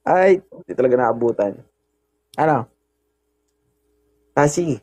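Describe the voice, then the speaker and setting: A man's voice: mid-range voice, expressive, slow pace, darkish tone. A man hosting a casual livestream, teasing his partner and thanking gifters by name. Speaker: livestream host.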